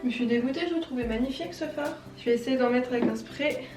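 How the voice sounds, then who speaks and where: High-voiced chatty French woman. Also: quick pace, roomy sound, distant mic, music in the background. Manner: chatty, self-deprecating, explains each step. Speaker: beauty vlogger. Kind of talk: makeup tutorial voice-over.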